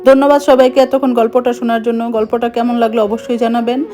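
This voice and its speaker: A woman telling a suspenseful first-person story in an even, hushed narrating voice. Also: a little high, fast, faint music behind.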